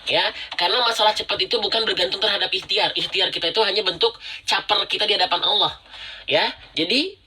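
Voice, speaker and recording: A man's voice: sits high, quick pace, sharp tone, a little hiss or hum. A man teaching Quran recitation rules in a live-streamed lesson, patiently repeating and demonstrating letter sounds and thanking viewers.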